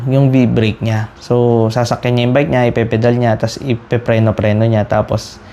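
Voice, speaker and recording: A man tells his viewers a story in a loose, conversational way, as a cycling vlogger would. He often stops short and starts a sentence over, and he sounds fed up about a bike crash. His voice sits at an average pitch, with a faint hiss in the background. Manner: animated retelling with frequent restarts. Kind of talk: casual storytelling.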